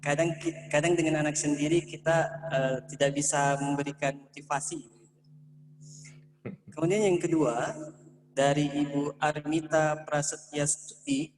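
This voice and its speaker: A man's voice: on the high side, level tone, unhurried, in a large hall, noisy background. A man moderating a seminar and reading audience questions from the chat. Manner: reads questions out formally.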